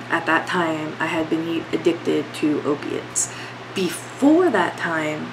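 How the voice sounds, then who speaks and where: Indoors in her bedroom, a young woman with a lowish voice and a cold-stuffed nose chats casually to camera. Her candid talk rambles and is heavy with fillers, and background noise is audible.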